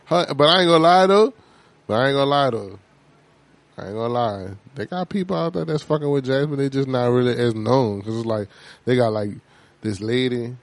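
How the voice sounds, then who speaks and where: A man's voice: medium pitch, a little fast, dry recording. An American man debating music casually, speaking emphatically with slangy, profane talk and repeating himself for emphasis.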